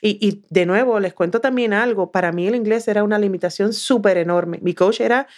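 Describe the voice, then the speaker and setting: A woman from southern Puerto Rico with a Puerto Rican accent, a podcast guest telling her story in a lively way and acting out what she once said. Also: mid-range voice, a little fast. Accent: Puerto Rican Spanish. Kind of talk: casual interview.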